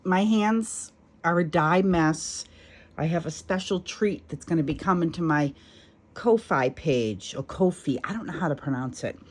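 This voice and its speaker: A woman's voice: sits low, normal speed. A middle-aged woman chatting casually as she walks through a sewing craft project, rambling and poking fun at herself. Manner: chatty, self-deprecating, rambling asides. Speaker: craft channel host. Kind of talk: casual crafting tutorial chat.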